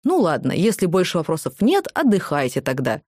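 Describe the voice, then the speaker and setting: A woman voicing a small, jovial old male prison duty officer with a low rolling voice who speaks in a folksy, unhurried, avuncular way. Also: huge pitch swings, a little mellow, no room sound, studio quality, full character voice. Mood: genial.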